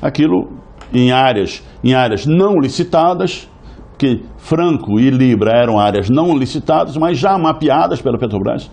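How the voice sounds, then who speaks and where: A man answers an interviewer at length, often restarting phrases and tagging them with little questions. His voice is husky and dark, with a gravelly edge and a wide, lively pitch range. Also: normal speed. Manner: hesitant, many restarts and tag questions. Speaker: interviewee, oil company insider.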